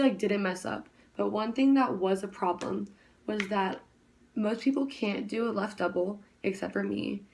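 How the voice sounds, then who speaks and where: A young woman chats casually in a relaxed vlog, racing through her story at great speed. She rambles with many "like" fillers and restarts, her voice at an ordinary middle pitch.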